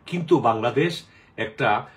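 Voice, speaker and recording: A man's voice: medium pitch, lively intonation, a little slow. A middle-aged man from the Sylhet region, chatting casually in a rambling way with many fillers. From Sylhet region, Bangladesh. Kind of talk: casual chat.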